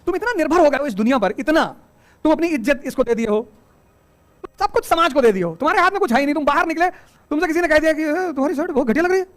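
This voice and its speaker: The middle-aged man running this coaching class speaks fast in a very high voice, giving an energetic motivational talk full of rhetorical questions and joking asides.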